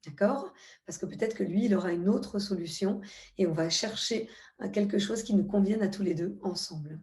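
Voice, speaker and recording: A middle-aged woman talks viewers through a self-help tutorial, step by step, in a calm and guiding way. Her voice is mellow and relaxed, with a few hesitations between phrases. The room gives it a noticeable echo. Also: medium pitch, moderate pace. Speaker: EFT practitioner. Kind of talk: spoken tutorial.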